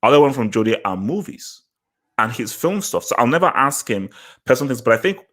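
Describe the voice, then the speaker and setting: A Nigerian man with a Nigerian accent hosts a casual discussion podcast, circling back and repeating words to drive his point home. His mid-range voice is sing-song and a bit bright, moving fairly quickly.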